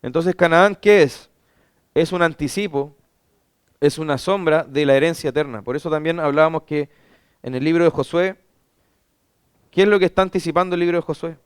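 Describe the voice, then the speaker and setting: A man's voice: fairly high pitch, normal speed, long pauses, clear, resonant tone, no echo, studio quality. A man, a pastor, teaching a Bible class; he reads scripture aloud and asks rhetorical questions that he then answers himself.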